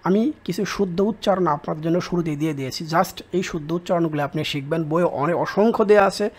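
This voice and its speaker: A man teaching an exam-prep lesson, explaining step by step and slowly repeating the key terms. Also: a little high. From Bangladesh.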